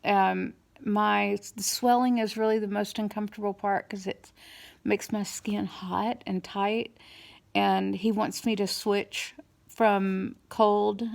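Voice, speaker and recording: Tired after dental surgery, a woman gives a casual, halting personal update, her mid-range voice slightly hoarse and flat. Her swollen mouth and new teeth get a little in the way of her speech.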